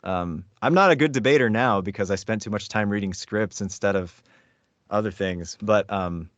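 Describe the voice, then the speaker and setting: A man speaking as a voice actor guest in a relaxed, self-deprecating interview chat. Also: fairly low pitch, moderate pace, dry recording. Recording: dull lo-fi dry sound.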